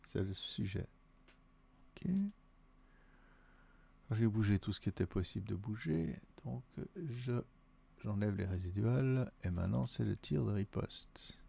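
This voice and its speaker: A man's voice: on the low side, measured pace, gravelly, pauses often, mellow, breathy edge. A man with a Vaudois Swiss accent, thinking aloud and counting under his breath as he plays through a solo board wargame. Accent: Vaudois Swiss French.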